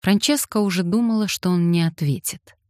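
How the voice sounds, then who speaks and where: A woman giving a slow, dramatic audiobook narration. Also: fairly low pitch, darkish tone, no room sound, clean studio sound. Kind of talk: scripted narration.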